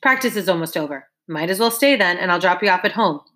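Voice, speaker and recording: A woman's voice: fairly low pitch, animated, fast, bright, forceful tone. A woman voicing a brash, pushy male track coach in an audiobook, firing off persuasive questions. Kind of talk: audiobook character voice.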